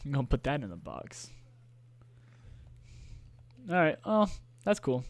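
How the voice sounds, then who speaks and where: A man's voice: medium pitch, big pitch swings, measured pace. A young man co-hosting a game stream, chatting playfully and joking around. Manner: playful, jokey, breaks into silly voices. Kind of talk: casual gameplay commentary.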